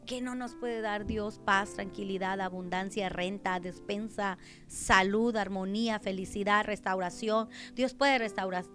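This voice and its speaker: A Mexican woman pastor preaching a radio sermon with a Mexican Spanish accent, emphatic, dropping to hushed tones and rising to loud cries. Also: a little high.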